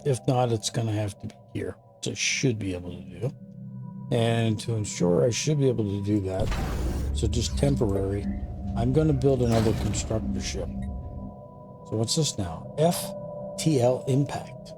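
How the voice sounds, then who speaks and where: A man in his fifties giving casual gameplay commentary. He is chatty and self-deprecating and slows down to read the game's text aloud. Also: on the low side, creaky. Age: 50s. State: sleepy, yawning. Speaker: gaming channel host. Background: game music.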